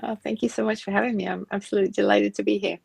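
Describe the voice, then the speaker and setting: A middle-aged woman from England with a Liverpool accent, a professor being interviewed, talking thoughtfully with many pauses and ums. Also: medium pitch, flat delivery, creaky, a little mellow, husky, no room sound. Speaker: professor, guest. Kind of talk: conversational interview.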